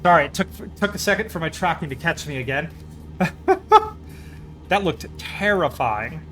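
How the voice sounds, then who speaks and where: A man's voice: fairly high pitch, expressive, brisk, sharp tone, faint music behind. A man chatting casually as a live streamer during a flight game, rambling along in an easygoing, enthusiastic way. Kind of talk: casual chat while playing a flight simulator.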